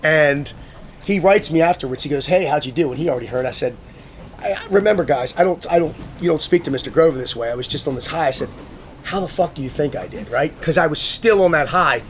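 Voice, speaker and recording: A man telling stories in a casual sit-down conversation, animated and profane, acting out what others said. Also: fairly high pitch, fast talker, a little hiss or hum. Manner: swearing, animated storyteller who acts out quotes. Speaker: guest, motivational speaker.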